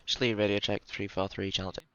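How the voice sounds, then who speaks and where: A man's voice: on the low side, level tone, quick pace, highs cut off. A man coordinating his team in casual tactical game voice chat. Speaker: player, team leader. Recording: voice chat with faint noise.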